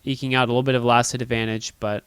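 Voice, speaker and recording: A man with a booming voice doing live play-by-play commentary on a video game match. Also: little pitch movement, rapid-fire, a bit bright, clear, resonant tone, no echo. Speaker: esports play-by-play caster.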